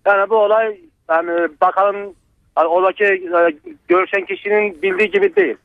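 Hesitant guy calling in over a landline, high voice, thin tinny phone sound. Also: steady tone, brisk, no room sound. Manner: hesitant, stacks up many fillers. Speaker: radio caller. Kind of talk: call-in chat.

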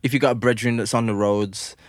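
A man's voice: medium pitch, steady tone, brisk, no echo. A man with a London roadman accent and slang, insistently making his case in a casual debate among friends.

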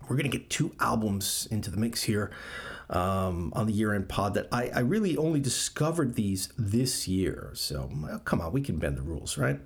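A man's voice: on the low side, expressive, moderate pace, gravelly, husky. A man hosting a music podcast, chatting casually and enthusiastically about albums, with frequent ums. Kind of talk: casual music radio chat.

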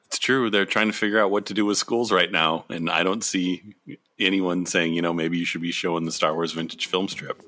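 A man's voice: sits low, fairly even intonation, a little fast, bright, forceful tone. A man chatting casually as co-host of a fan podcast.

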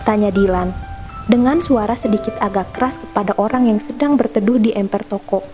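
A young woman reading a novel aloud with lively, expressive storytelling. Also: medium pitch, brisk. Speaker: book reader. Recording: soft background music.

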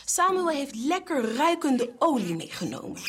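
A woman's voice: sits high, moderate pace, faint music behind. A woman telling a children's Bible story, acting out the figures and singing bits. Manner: animated, acts out figures and sings.

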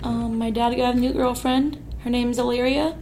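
A young woman, a high school senior, giving short plain answers with ums about her summer. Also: steady tone, normal speed, mellow, a little hiss or hum. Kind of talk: casual interview answers.

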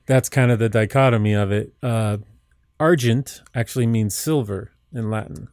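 A man's voice: medium pitch, normal speed, a little mellow, no echo. Easygoing man, dry close sound. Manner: rambling, easygoing, many fillers. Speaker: podcast guest. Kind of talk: casual chat.

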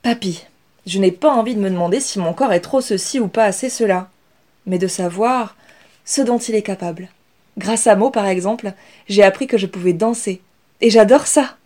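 A woman voicing Inès, a young female rat who speaks calmly and with assurance. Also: mid-range voice, moderate pace, close to an everyday voice. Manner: calm, steady.

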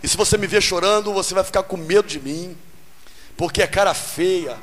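A man with a Brazilian Portuguese accent preaching an animated sermon, calling out to the congregation for amens. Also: sits high, brisk, long reverb tail.

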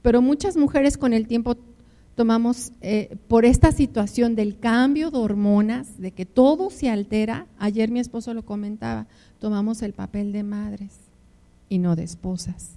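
Older woman, pastor for couples: heartfelt storytelling sermon, voice sits a bit high. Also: moderate pace. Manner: emotional storytelling with personal anecdotes; addresses listeners warmly as beloved ones. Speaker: preacher speaking to married couples. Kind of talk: conversational sermon.

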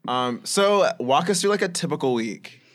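Male podcast host, relaxed, short prompts, studio setting. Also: on the high side, normal speed. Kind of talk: casual chat.

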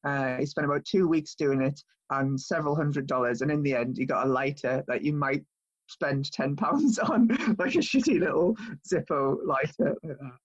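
A man's voice: fairly high pitch, moderate pace, husky, highs cut off. A male comedian chatting casually over a video call, rambling with frequent laughs and restarts. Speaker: comedian guest. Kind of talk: casual chat.

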